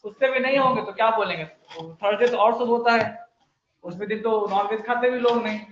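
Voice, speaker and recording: High-voiced joking man teaching a class. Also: noisy background. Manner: joking, brisk, urges students to write fast. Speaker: chemistry teacher. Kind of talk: classroom lecture. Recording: echoey room, muffled sound.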